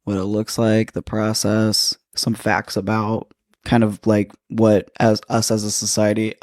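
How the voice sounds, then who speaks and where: A man co-hosting a podcast, explaining a topic in a chatty, casual way with fillers and quick asides. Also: on the low side, completely flat delivery, a little mellow, no room sound, clean studio sound. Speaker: podcast co-host. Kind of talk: casual chat.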